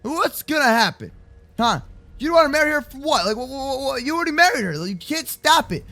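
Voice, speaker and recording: A young man with a very high, bright voice hosts a gaming roleplay, talking fast with widely swinging pitch as he exclaims and repeats words in slangy, excitable bursts, calling his partner bro and man. It's improvised Minecraft roleplay commentary for kids from a gaming video host, with faint music behind him.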